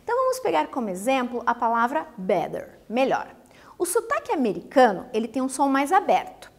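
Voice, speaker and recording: A woman from Brazil teaches a recorded lesson and keeps putting questions to her students. Her voice is high and swings widely in pitch. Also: brisk. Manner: lively, asks the students questions. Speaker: English teacher.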